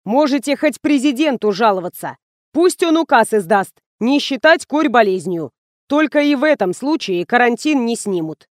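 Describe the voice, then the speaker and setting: A woman's voice: fairly high pitch, animated, normal speed, no room sound, studio quality, close to an everyday voice. A woman reading the part of an officious, curt male ambulance doctor.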